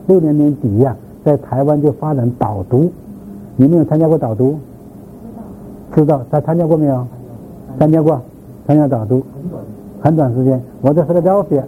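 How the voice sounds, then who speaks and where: Man lecturer, somewhat high voice, loose rambling delivery with fillers and asides to the class; thin lo-fi sound with a faint hiss behind. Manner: rambling, repeats words, frequent filler particles, asks listeners questions. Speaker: lecturer on church history. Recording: tinny phone-like sound, faint background noise.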